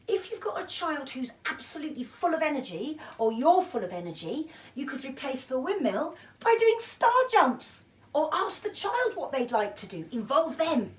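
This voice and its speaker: A woman giving an informal mindfulness lesson, chatting in an encouraging, self-deprecating way as she explains and demonstrates. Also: sits high. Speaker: mindfulness and breathing teacher. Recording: roomy echo, distant microphone.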